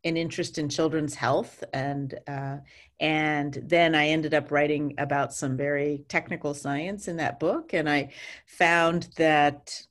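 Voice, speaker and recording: A middle-aged woman with a notably low voice for a woman, speaking as a guest on an interview podcast. She is thoughtful and measured, with occasional ums. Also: steady tone. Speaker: guest, science journalist and author.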